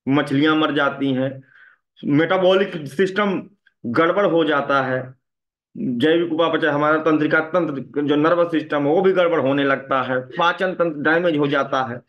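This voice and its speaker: The recording is muffled as this teacher, a man with a Hindi accent, addresses his class. His voice sits slightly higher than most men's, and he keeps quizzing the students and ending lines with a quick "है ना," or "right?"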